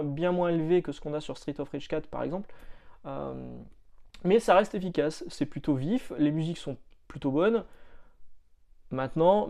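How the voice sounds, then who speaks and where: A comic shop owner who hosts videos chats casually and ramblingly to his viewers, with lots of fillers and restarts. His voice is a little high, gravelly and warm.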